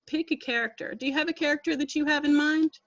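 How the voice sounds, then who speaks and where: High bright-voiced woman teaching online. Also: fast, dry recording. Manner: explains patiently, reads quotes aloud. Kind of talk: online class lesson. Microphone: laptop mic on video call. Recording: dull lo-fi video call audio.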